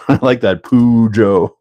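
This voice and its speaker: A man's voice: mid-range voice, slow pace, dry recording, highs cut off. A Canadian man hosting a live stream, chatting casually while he builds and answering viewers, with frequent laughs. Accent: Canadian English.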